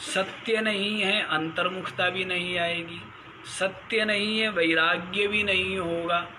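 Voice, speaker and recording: A man's voice: sits high, steady tone, slow, background noise. A man, a swami, giving a spiritual discourse on scripture. He chants Sanskrit verses and keeps asking his listeners questions. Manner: asks the listeners rhetorical questions; scolding, mocking tone. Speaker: swami teaching the Gita.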